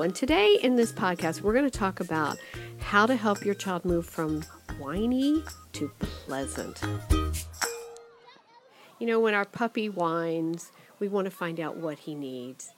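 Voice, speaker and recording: A middle-aged woman, a school's director of education, calmly explaining parenting ideas on a podcast and stretching out key words for emphasis. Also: fairly low pitch, moderate pace, over music.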